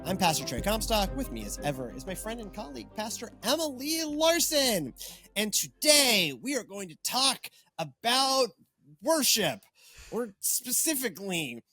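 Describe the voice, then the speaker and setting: A man's voice: high-pitched, sing-song, measured pace, bright, forceful tone, no echo, soft background music. A man in his twenties or thirties, a pastor hosting a podcast, in casual chat, rambling and wry with many fillers and restarts. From Texas.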